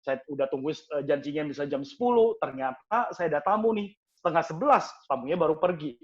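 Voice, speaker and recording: A man giving a lively sales training talk to insurance agents, repeating words for emphasis and addressing his listeners as friends. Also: fairly high pitch, fairly quick, highs cut off.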